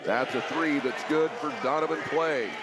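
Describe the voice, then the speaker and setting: A man's voice: a little high, moderate pace. A man doing live basketball play-by-play as a sports commentator, calling the action in clipped short phrases. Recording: loud arena noise behind. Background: basketball arena ambience, bouncing ball.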